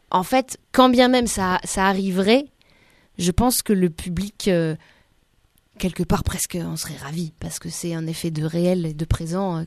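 A woman's voice: fairly low pitch, a little mellow, no room sound, clean studio sound. A woman, an actress, answering questions in a radio interview, hesitant and full of restarts. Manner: hesitant, many restarts and fillers. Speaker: actress, guest.

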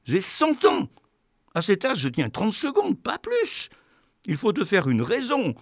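A man's voice: high voice, wildly swooping pitch, a little slow, no echo, studio quality, exaggerated voice. A man playing a whiny, pleading hundred-year-old man in a comic sketch. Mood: fretful. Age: older.

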